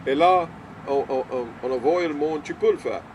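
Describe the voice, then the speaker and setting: An older man from Louisiana with a Cajun French accent, chatting in a halting, repetitive way and mixing in English words. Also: on the high side, a little mellow, slight background noise, low-quality recording. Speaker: small-town mayor being interviewed. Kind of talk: casual conversational interview.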